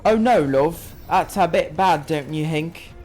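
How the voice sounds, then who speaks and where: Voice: medium pitch, unhurried, a little mellow, soft background music. Playful streamer with put-on British accent. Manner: chatty, playful, swears freely. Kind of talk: casual gaming commentary.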